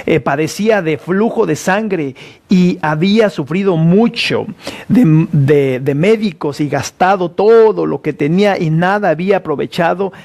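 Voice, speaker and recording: A pastor preaching a sermon at a church service, reading scripture aloud with fervent conviction. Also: male voice, high voice, a little mellow.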